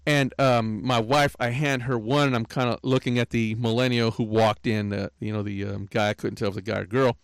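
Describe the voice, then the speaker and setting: A man's voice: medium pitch, steady tone, a little fast, few pauses, smooth, no echo. An older man telling a rambling, aggrieved story in a casual rant, often tagging his lines with "right?". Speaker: podcaster.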